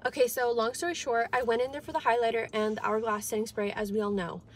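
A woman's voice: a little high, fairly even intonation, fast. A woman in her twenties chatting bubbly and casually to viewers on a vlog, filmed on a phone at arm's length in a parked car. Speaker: beauty vlogger. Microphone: phone camera at arm's length.

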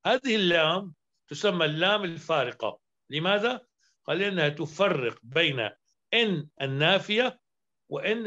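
A man with a somewhat high voice delivers a grammar lesson, laying out each rule and repeating examples. He keeps checking that his students follow along. The recording sounds dull and lo-fi. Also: fairly bright tone. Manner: explanatory, repeats points and checks understanding. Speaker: Arabic grammar teacher. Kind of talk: lecture explaining grammar verse.

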